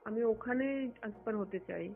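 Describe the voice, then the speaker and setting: A woman from Satkhira, Bangladesh, a government employee, talks in a private phone call. Her mid-range voice has vocal fry and moves a little fast, in a muffled lo-fi phone recording with music.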